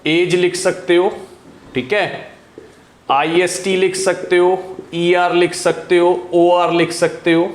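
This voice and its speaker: A man's voice: high-pitched, flat delivery, slow pace. Echoey Hindi-speaking male grammar teacher. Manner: asks questions then answers them himself, says "guys" often. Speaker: English teacher. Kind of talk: classroom grammar lesson in Hindi.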